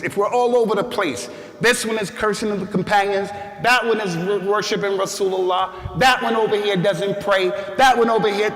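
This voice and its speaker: Emphatic man preaching in an echoing mosque. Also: high-pitched. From United States. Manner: emphatic, repeats words, rises to shouts. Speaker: imam giving a Friday sermon. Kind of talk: Friday sermon. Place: mosque hall. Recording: long hall reverb.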